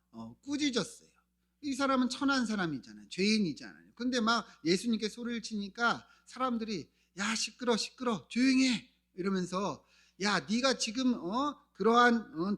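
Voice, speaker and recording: A male pastor preaching a sermon, asking the congregation questions and answering them himself, his delivery swinging between loud calls and soft near-whispers. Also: sits high. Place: church.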